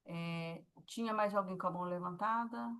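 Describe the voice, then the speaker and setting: A woman's voice: lowish voice, normal speed, fairly bright tone, clean tone. A woman with a Brazilian Portuguese accent teaching a sign language class, explaining patiently and checking in with her students often.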